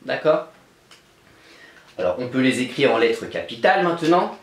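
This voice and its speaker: A man teaching young children in a remote class, speaking slowly and clearly as he writes letters on a board and sounds them out. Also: medium pitch, sing-song, roomy sound. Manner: slow, clear, patient teacher talk, spelling out sounds. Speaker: kindergarten teacher.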